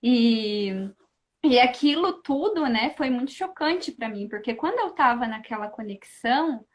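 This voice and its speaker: A high-pitched woman talking as a guest in a relaxed conversation. She tells her story with lively energy, acting out her own past thoughts in little asides. She keeps tagging her sentences with quick questions. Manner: animated, keeps adding questioning tags. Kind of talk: casual storytelling chat.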